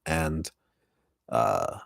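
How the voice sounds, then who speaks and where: A man with a deep, gravelly voice chats casually on a livestream in a halting way, often interrupting himself, close to the microphone. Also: big pitch swings, no room sound. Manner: halting, self-interrupting, mild swearing. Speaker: ASMR streamer hosting a live stream. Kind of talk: casual rambling livestream chat.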